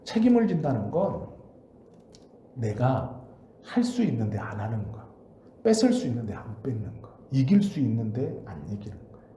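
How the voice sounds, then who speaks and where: A man's voice: mid-range voice, very animated, moderate pace, warm tone, a little hiss or hum. A man preaching a sermon as pastor, emphatic and asking rhetorical questions. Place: church sanctuary. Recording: roomy church recording.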